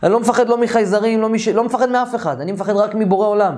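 A man teaching an online course, telling a first-person story in a lively, colloquial and emphatic way. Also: sits high.

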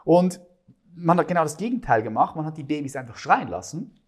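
A man's voice: fairly high pitch, lively intonation, fairly quick, a little mellow, slightly rough. Earnest German-speaking man explaining at length. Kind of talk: casual conversation.

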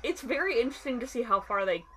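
A woman reacting casually while watching a show with a friend, with quick, lively remarks. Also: a little high, soft background music. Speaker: co-host. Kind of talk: casual watch-along chat.

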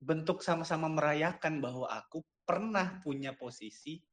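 A man hosting a casual conversation, agreeable and quick to affirm, sharing his own thoughts. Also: on the high side.

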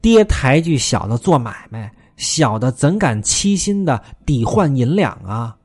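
A man's voice: medium pitch, very animated, measured pace, a little mellow, slightly rough, heavily acted. A man voicing a hapless male servant in a storytelling performance, protesting and pleading. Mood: tearful. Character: hapless male servant, blunt and hot-headed.

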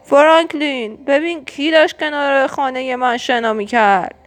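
A woman's voice: mid-range voice, huge pitch swings, vocal fry, darkish tone, soft background music, heavily acted. A woman voicing a friendly young beaver friend in a storybook reading.

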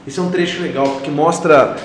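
A man's voice: a little high, fairly even intonation, quick pace. A man hosting a casual interview who keeps prompting with short questions and throws in slangy asides. His voice rings in a strongly echoing room. A faint noise sits under the recording. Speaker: interview host. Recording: roomy echo, faint noise.

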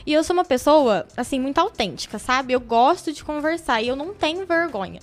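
A young adult woman, a podcast guest, telling a personal story in an animated, emotional way. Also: high voice, brisk, soft background music. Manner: animated, emotional storyteller who acts out quoted voices.

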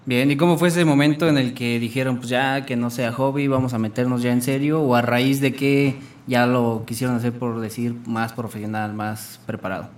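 A man's voice: mid-range voice, steady tone, moderate pace, hardly any pauses, distant mic. A man with a Mexican accent hosting a radio show in casual, joking chat full of street slang.

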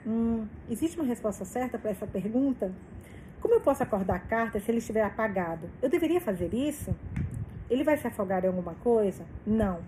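A woman's voice: on the high side, animated, fast, warm tone, slight background noise, low-quality recording. Woman reading a novel aloud. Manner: emotional, reacts aloud and swears between passages. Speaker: book reader.

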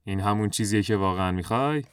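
A woman voicing a wise old male kangaroo wizard in a children's audio story, speaking slowly in a lowered voice. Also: clear, resonant tone, no room sound, studio quality. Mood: gentle, solemn. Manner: slow, deep put-on voice.

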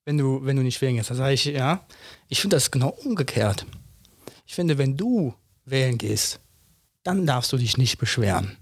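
A man's voice: medium pitch, expressive, normal speed, slightly rough, no room sound, studio quality. A man in his thirties co-hosting a podcast, talking bluntly and emphatically in casual chat, firing off rhetorical questions and tagging his points with "ne?". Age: 30s. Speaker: podcast co-host.

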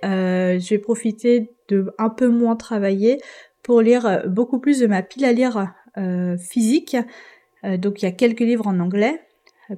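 A woman's voice: medium pitch, warm tone. A young woman from France hosting a casual solo podcast, chatty and self-deprecating, with frequent hesitations. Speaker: podcast host.

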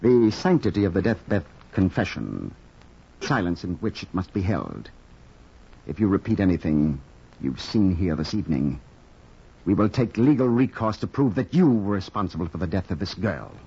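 An actor playing a sinister aristocrat who threatens with smooth, menacing politeness, in 1940s radio acting on a muffled old transcription. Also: male voice, low-pitched, sing-song, moderate pace, dark tone, heavily acted. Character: sinister aristocratic older brother, coldly threatening.

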